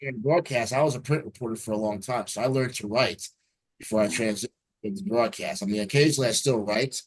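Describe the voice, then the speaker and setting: This radio news anchor, a New Jersey man in his forties, speaks fast in a fairly low voice while guesting on an interview via video call. He tells his story fluently and cheerfully, though the recording quality is low.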